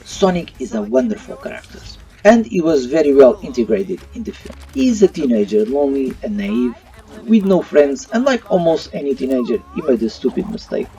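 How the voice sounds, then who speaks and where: This retro gaming channel host, a non-native English speaker, gives an opinionated video review in noticeably non-native phrasing. He has a mellow, mid-range voice, picked up by a distant mic over faint background music.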